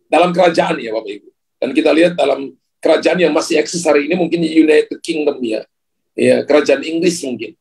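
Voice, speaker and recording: A male pastor delivers a sermon in a relaxed, conversational way and keeps turning to the congregation. His voice sits a little high and sounds husky. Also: low-quality recording. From Ambon, Indonesia. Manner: conversational preaching with frequent "ya" and direct address.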